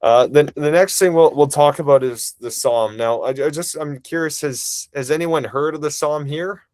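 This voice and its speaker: Brief: male webinar presenter, fast, chatty and eager, dry close sound on a video call. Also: fairly high pitch, darkish tone, dry recording. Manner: talks quickly; casual, enthusiastic, many restarts. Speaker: family history presenter.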